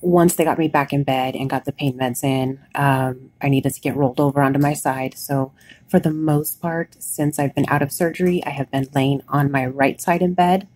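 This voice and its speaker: A woman recording a casual, candid video diary, sounding weak and worn out after surgery, talking haltingly. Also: very deep voice, steady tone, darkish tone, slightly rough, no echo. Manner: candid, plain-spoken. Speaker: patient vlogger recording a recovery diary. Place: hospital bed, indoors.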